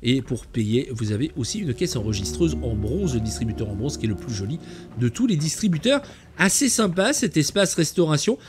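A man's voice: medium pitch, very animated, fairly quick, over music. A man hosting a gameplay tour, chatting in a jokey, enthusiastic way. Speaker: game channel host. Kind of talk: playful gameplay tour commentary.

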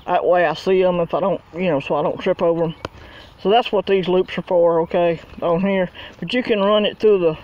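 A man's voice: sits high, fairly even intonation, brisk. A middle-aged man, casually demonstrating knots outdoors in a folksy, rambling way while filming on a handheld phone. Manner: folksy, rambling, talks while working with his hands. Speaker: outdoors vlogger. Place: outdoors in a yard. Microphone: handheld phone camera. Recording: dull lo-fi phone audio, faint outdoor noise.

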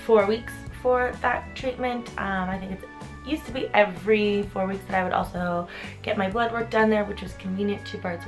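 Holding the camera at arm's length, a young woman in her twenties narrates a casual vlog in a mid-range voice, friendly and explanatory. At first she's upbeat and talkative out in a city alley; later, in a bedroom and groggy from treatment, she grows quieter and sleepy.

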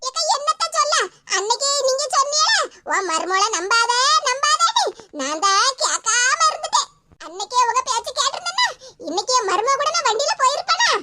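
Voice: extremely high pitch, big pitch swings, brisk. A performer voicing a quarrelsome older village mother-in-law with a Tirunelveli Tamil accent, wailing and scolding in a cartoon. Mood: complaining. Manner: wailing, scolding, dramatic complaints. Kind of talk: cartoon voice acting. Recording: loud background hiss.

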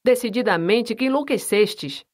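A woman's voice: fairly high pitch, animated, normal speed. A woman voicing a cold, stern older nobleman father who speaks with dry sarcasm and command. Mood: scornful.

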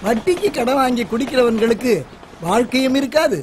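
A man's voice: very high voice, fairly quick, background noise. An actor playing a moralizing old man scolding drinkers. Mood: preachy. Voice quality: preachy, moralizing. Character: elderly man lecturing drunks on debt. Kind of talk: Tamil film comedy acting.

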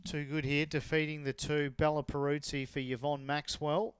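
An Australian man working as a race caller, announcing runners and results in a matter-of-fact, measured way. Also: on the high side, flat delivery, clear, resonant tone, no room sound.

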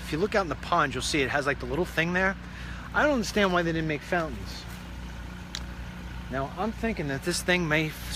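A man's voice: on the high side, background noise. A man hosting a casual walk-and-talk vlog outdoors, chatting and joking as he walks around a pond on his property. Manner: chatty, rambling, joking asides. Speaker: show host.

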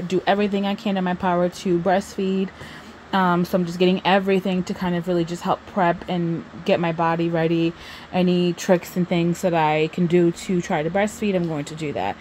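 A young woman talks casually to her viewers from home, slightly out of breath and full of ums and restarts. Her voice sits a little low for a woman, with faint background noise in the recording. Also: darkish tone. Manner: chatty, many ums and restarts. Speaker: vlogger. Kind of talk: casual vlog chat.

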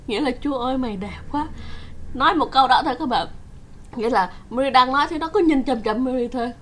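A chatty woman vlogger tells a story straight to her viewers, her voice sitting a little high. She laughs often and acts out each quote as she goes. A faint hiss runs under the recording. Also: a bit bright. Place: home in Canada.

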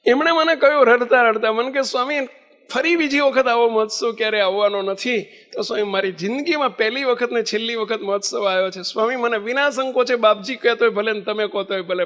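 A man giving a sermon as a swami, telling a story and acting out the dialogue in an animated way. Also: high-pitched. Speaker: swami giving a religious discourse. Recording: long hall reverb.

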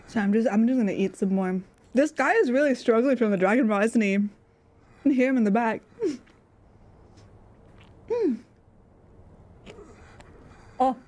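Unhurried and pausing often, a woman streamer speaks in a fairly high voice with lively intonation and a darkish tone. She chats casually with her viewers over food and a game, chatty, laughing often, and talking while she eats.

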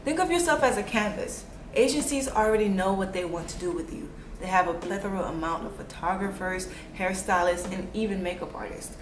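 A woman's voice: medium pitch, background noise. A young woman in her twenties chatting casually to camera as a modeling vlogger, playful and bubbly with jokey asides. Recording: echoey room with music playing. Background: music.

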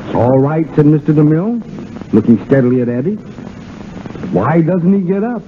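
An American man, a dance director appearing as a guest on 1930s radio, trades scripted banter in a wisecracking, colloquial way. His voice is fairly high and very animated, moving at a moderate pace. The narrow-band period recording carries a faint hiss.

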